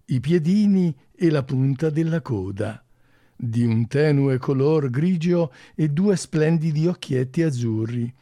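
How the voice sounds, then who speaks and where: A male radio host talking gently and effusively on air, then reading a short fairy tale aloud. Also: fairly high pitch, lively intonation, unhurried, dry recording. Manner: gentle and effusive, with small restarts.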